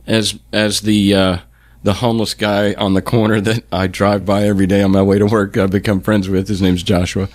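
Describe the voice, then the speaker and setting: Middle-aged man, podcast host, low voice, dry close sound, rambling casual talk. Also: little pitch movement, brisk, no room sound. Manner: rambling, restarts sentences. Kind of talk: casual interview chat.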